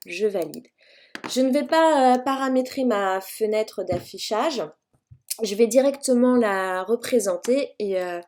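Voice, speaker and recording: A woman's voice: mid-range voice, a little mellow. A woman teacher walking students through a calculator math lesson, chatty and self-mocking, with frequent fillers as she explains each step.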